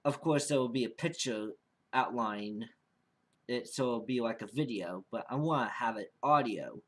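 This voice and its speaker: Speaking at a moderate pace with a medium pitch and a fairly bright tone, a young man delivers a loose, off-the-cuff vlog monologue. He's an amateur podcaster who wanders in his talk and keeps restarting and repeating what he says.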